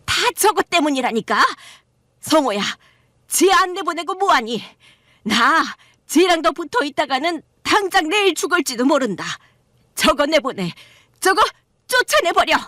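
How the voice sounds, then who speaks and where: A woman's voice: sits high, big pitch swings, moderate pace, fairly bright tone, dry recording, clean studio sound, pitched above the performer's own voice. A woman voicing a spiteful old mother-in-law who screeches accusations in an audio drama story. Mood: screaming. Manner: screeching, hostile scolding.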